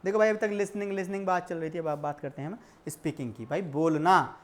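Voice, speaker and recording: A man teaching a lecture for exam prep, in a lively style, who asks questions and answers them himself and keeps calling his students brother and kids. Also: a little high. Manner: stretches English definitions out slowly.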